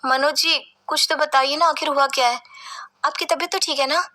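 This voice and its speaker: A gentle young wife, voiced by a woman in a family story. She speaks softly and politely, pleading in a high, bright voice. The care stays in every line. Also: steady tone, normal speed. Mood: worried.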